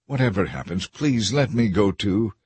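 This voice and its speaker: Storybook young messenger, pleading, read by a man, husky voice. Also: mid-range voice, moderate pace, darkish tone, no echo, lightly acted. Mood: eager. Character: eager young messenger who pleads to run.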